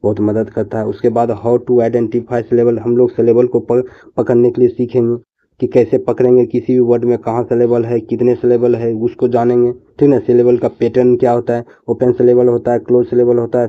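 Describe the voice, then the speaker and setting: A man teaching an online class, explaining slowly and answering his own questions. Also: mid-range voice, monotone, narrow, tinny audio.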